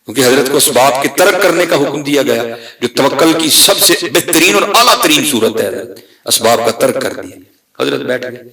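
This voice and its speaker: A male preacher giving an impassioned sermon, swinging from loud to hushed. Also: medium pitch, lively intonation. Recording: echoey hall from far off.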